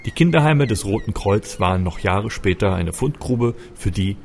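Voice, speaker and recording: A man's voice: on the low side, expressive, normal speed, gravelly, a little mellow, slight background noise. A man reading a story aloud, narrating expressively and with urgency. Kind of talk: audiobook narration. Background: faint music.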